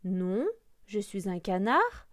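A woman's voice: sing-song, slow. A woman voicing a small, lonely grey duckling in a children's story. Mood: timid. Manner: small, plaintive, high cries.

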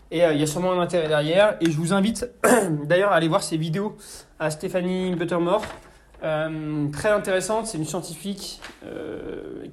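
A young man hosts a casual solo podcast and works through listener questions. His voice sits high for a man. He talks in a relaxed, hesitant way, full of fillers and restarts. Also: slight background noise.

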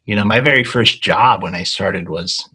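Low husky man, halting speech. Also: pushed and bright, rough recording. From Argentina. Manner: halting, many ums and restarts. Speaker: guest, consulting company founder. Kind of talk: casual interview talk.

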